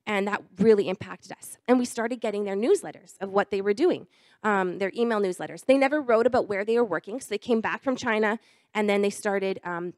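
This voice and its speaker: A woman's voice: medium pitch, darkish tone, no room sound, clean studio sound. A young adult woman with a cold, telling a missionary testimony at church in a chatty way with many fillers. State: hoarse from a cold.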